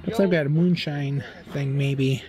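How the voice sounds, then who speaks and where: A man's voice: fairly high pitch, moderate pace, dark tone. A middle-aged man casually narrating a walk through an outdoor haunted farm at night, reading the signs aloud with dry jokes, into a handheld phone. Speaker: vlog host.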